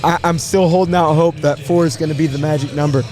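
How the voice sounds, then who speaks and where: Higher-pitched man hosting live sports commentary. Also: fairly even intonation, darkish tone, soft background music. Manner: halting, thinking aloud, repeats words. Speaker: draft show host.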